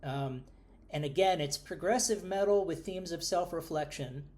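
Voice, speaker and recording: A man's voice: a little high, normal speed, darkish tone. Rambling middle-aged man with a New York accent. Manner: rambling, self-deprecating, with fillers. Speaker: podcast co-host. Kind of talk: casual podcast chat.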